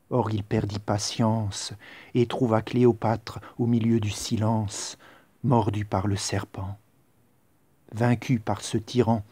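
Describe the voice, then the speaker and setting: A man's voice: lowish voice, warm tone, breathy edge, no room sound. A man reading a defiant young queen. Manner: declaiming rhymed verse.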